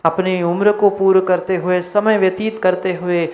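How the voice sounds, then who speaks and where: A man's voice: high-pitched, flat delivery, normal speed, darkish tone, a little hiss or hum. A man, a monk, preaching a sermon, repeating his phrases for emphasis and speaking straight to his listeners.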